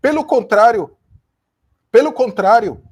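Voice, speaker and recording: A Brazilian man fires off a post-match football rant from his room. His voice sits high, and he hammers each point home bluntly, repeating lines and swearing now and then. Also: lively intonation, measured pace, slightly rough. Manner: emphatic, repetitive, blunt with mild swearing. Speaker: football commentator, channel host. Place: home room with a fan running, new studio being set up.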